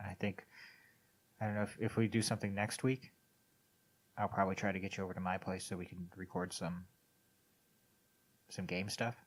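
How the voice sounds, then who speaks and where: A man's voice: low voice, flat delivery, normal speed, pauses often. A man co-hosting a casual podcast, blunt and sarcastic, swearing freely. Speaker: podcast co-host. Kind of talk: casual chat.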